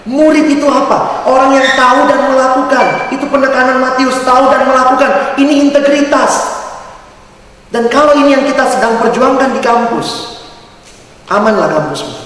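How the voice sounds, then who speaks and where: A man's voice: very high voice, moderate pace, a bit bright. A man giving a sermon to students, telling stories and acting out the dialogue with humor. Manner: storytelling, acts out dialogue, humorous. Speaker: campus ministry speaker. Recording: echoey hall, from far off.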